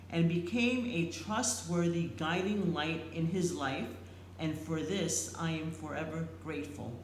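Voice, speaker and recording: A middle-aged or older woman reads a prepared eulogy in a tender, solemn, slightly faltering way with deliberate phrasing. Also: on the low side. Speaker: eulogist, family member. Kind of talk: prepared eulogy read aloud. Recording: echoey room, faint background noise.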